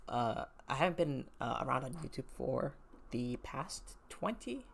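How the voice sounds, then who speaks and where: Gravelly-voiced young man rambling on stream. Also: mid-range voice, expressive. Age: early 20s. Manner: halting, rambling, self-correcting. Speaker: livestreamer. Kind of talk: casual livestream chat.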